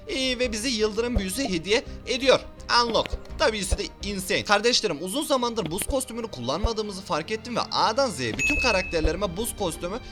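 High, lively young man narrating a game. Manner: playful, shouts at his units, frequent laughter. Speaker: gaming video host. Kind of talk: excitable let's-play commentary.

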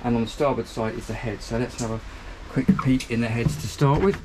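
Background noise accompanies this boat reviewer as he leads a cheerful, chatty tour of a compact motor boat cabin, filmed handheld. Pointing out features as he goes, he talks fairly quickly in a medium pitch with a steady tone.

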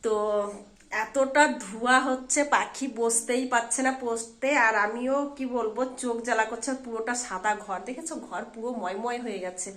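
A woman with a hoarse voice from a fever, chatting casually to her viewers in a home vlog and checking in with them as she goes. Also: on the high side, steady tone, normal speed, a bit bright. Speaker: home vlogger and mother. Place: at home indoors.

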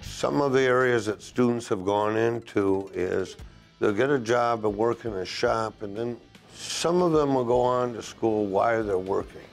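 A man in his sixties, a welding instructor, answering interview questions in a classroom with measured, deliberate phrasing and a lapel mic. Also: lowish voice, creaky, soft background music. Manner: measured, deliberate, listing points with pauses. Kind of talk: interview answers to a program video. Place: classroom, indoors.

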